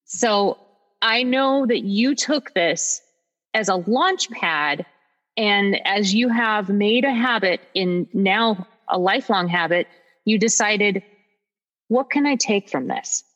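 A woman interviewer who sums up her guest's story in a measured, reflective way. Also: mid-range voice, a bit bright, lo-fi sound. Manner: measured, summarizing.

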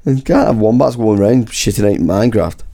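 A man's voice: lowish voice, brisk, gravelly, mellow, a little hiss or hum. A man co-hosting a podcast in crude, casual banter, reading list items aloud and laughing often. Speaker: podcast co-host.

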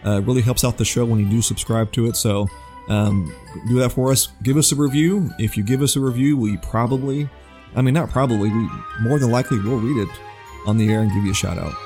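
A man co-hosting a podcast in relaxed casual chat, also reading out the show plugs. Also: medium pitch, fast talker, soft background music. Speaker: podcast co-host.

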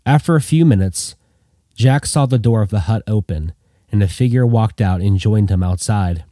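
Low, mellow male storyteller. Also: normal speed, dry recording, studio quality. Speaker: narrator. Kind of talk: storytelling reading.

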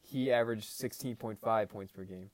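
A man's voice: on the low side, normal speed, no echo. A young man co-hosting a sports podcast in casual chat, quizzing his partner and listing player names and statistics. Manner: quizzing, rattling off stats and names. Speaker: podcast co-host.

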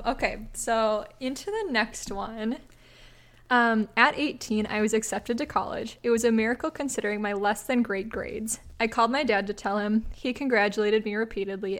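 A woman co-hosting a casual podcast, reading listener stories aloud in an easygoing, chatty way and laughing often. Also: fairly high pitch. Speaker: podcast co-host.

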